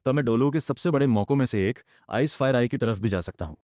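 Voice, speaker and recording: A man voicing a cocky eight-year-old boy prodigy fighter in a recap story, talking calm and self-assured. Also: medium pitch, quick pace, no echo, clean studio sound, close to an everyday voice. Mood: scheming.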